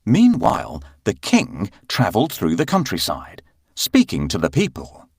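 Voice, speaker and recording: A man narrating a fairy tale as a bedtime story for children, with expressive, drawn-out storytelling. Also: on the low side, breathy edge, no echo, studio quality, faint music behind.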